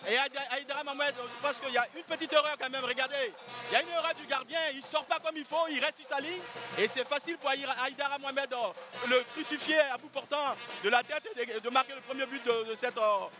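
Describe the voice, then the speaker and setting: A man giving excited, emphatic sports commentary as a football analyst, repeating phrases as he explains the play. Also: very high-pitched, brisk, over music. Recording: noisy outdoor stadium broadcast. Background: loud outdoor stadium noise.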